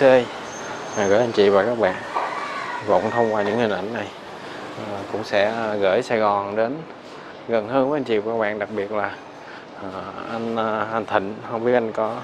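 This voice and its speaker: Male vlogger, southern Vietnamese accent, slightly deep, hesitant casual narration, recorded outdoors amid noticeable ambient noise. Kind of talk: casual walking tour narration. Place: outdoors, apartment stairways and narrow alleys. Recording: noisy outdoor street ambience, animals, vehicles.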